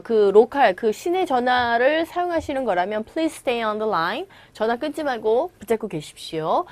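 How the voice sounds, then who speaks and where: A young woman teaching English in a recorded lecture, explaining grammar and reading example sentences slowly and carefully. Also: a little high, dry recording.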